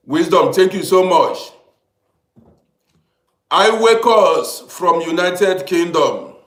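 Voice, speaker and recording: Slow-paced and high-pitched, an African man living in Europe hosts a relaxed livestream from an echoey room. He chats, welcomes viewers by name, and repeats things as he talks.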